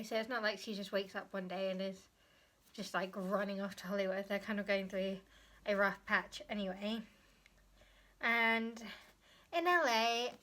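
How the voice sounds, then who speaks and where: A woman's voice: mid-range voice, pushed and bright. A young woman vlogger talking casually about a book she has read, chatty and often stopping to search for the right word or correct herself.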